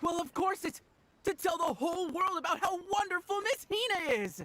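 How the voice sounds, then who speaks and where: A gushing young fan. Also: female voice, extremely high pitch, animated, normal speed, fairly bright tone, no room sound. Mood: adoring. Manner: gushing and adoring. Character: adoring young fan-club member, gushing. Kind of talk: video game voice acting.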